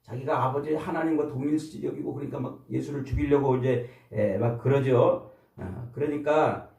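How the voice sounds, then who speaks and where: A man's voice: mid-range voice, normal speed, creaky, mellow. A male pastor giving an expository sermon, often putting questions to his listeners and prompting them for an answer. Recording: roomy sound from a distant mic.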